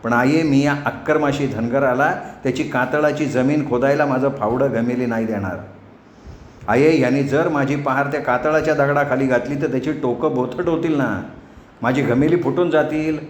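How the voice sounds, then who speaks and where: A stingy middle-aged village uncle with a short temper, shouting in a raised voice, as a man performs him. The sound is roomy, with faint noise behind. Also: steady tone, moderate pace, close to an everyday voice. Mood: angry. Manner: angry shouting, raised pitch. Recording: echoey room, faint noise.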